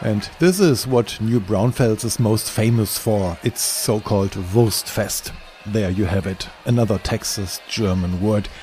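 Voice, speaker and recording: A man narrating a documentary voice-over in a calm, explanatory way. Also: on the low side, measured pace, faint music behind.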